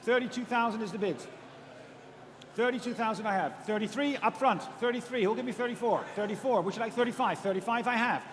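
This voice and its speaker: Male auctioneer, high voice, chanting numbers and courteous bid prompts at speed; long room reverb. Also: a bit bright. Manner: rapid, repetitive chanting of figures with polite prompts to bidders. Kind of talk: live auctioneer's bid calling.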